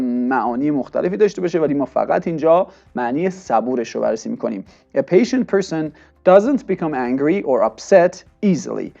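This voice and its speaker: A man teaches English vocabulary, moving between quick explanation and slow, careful reading of example sentences. His voice sits fairly high but sounds mellow and dark. The recording is dull and lo-fi, with faint music behind him. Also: vocal fry. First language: Persian. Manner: explains in Persian, reads English examples slowly and deliberately. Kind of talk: vocabulary lesson.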